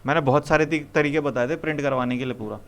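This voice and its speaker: A man's voice: a little high, quick pace, fairly bright tone, slight background noise. A young man teaching programming to a live classroom, coaxing students with repeated questions. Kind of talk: live classroom coding lesson.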